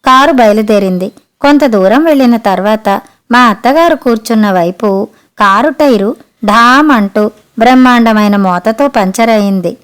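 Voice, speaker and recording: A woman reading a family story aloud in the first person, her voice pitched fairly high. She tells it in a lively, wry way, as in an audiobook. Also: normal speed, clear, resonant tone. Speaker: narrator. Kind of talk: storybook narration.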